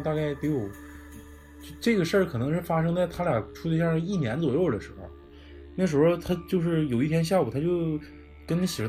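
A man's voice: on the high side, mellow. A man with a Northeastern Chinese accent telling a true ghost story in casual podcast chat, blunt and swearing freely.

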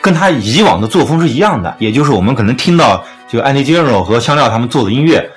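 Music runs behind a man who hosts a laid-back music podcast, speaking quickly with a bouncy, swinging pitch. Conversational and opinionated, he lays out his views.

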